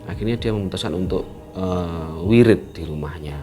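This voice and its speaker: A man telling a mystery story, acting out the characters' lines with sudden loud bursts. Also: low-pitched, moderate pace. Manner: animated, acts out quotes with sudden loud bursts. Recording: music in the background.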